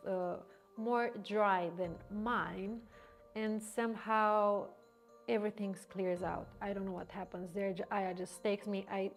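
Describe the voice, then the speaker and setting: Young woman telling a personal story. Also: mid-range voice. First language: German. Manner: animated, laughs often, restarts words. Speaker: vlogger. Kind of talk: casual storytelling to camera.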